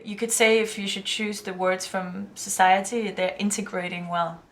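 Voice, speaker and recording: A woman's voice: medium pitch, steady tone, moderate pace. A woman filmmaker explaining her work in a reflective documentary interview.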